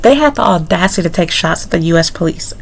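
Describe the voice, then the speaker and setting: Quick-paced and expressive, a young woman vlogger whose first language is English narrates a personal ordeal to camera. Her fairly low voice has a clear gravelly fry, and her candid, rambling monologue keeps drifting into asides before picking the story back up.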